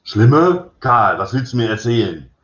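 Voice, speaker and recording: A man's voice: mid-range voice, very animated, normal speed, fairly bright tone. A man reading the lines of a blunt, indignant male police inspector, talking directly. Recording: roomy echo, slightly dull sound.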